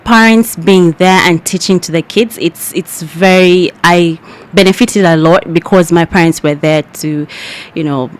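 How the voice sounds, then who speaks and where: A woman's voice: fairly low pitch, measured pace. A young woman from Kenya, a guest on a radio interview, talking casually and openly with frequent laughs. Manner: laughs often, chatty and open.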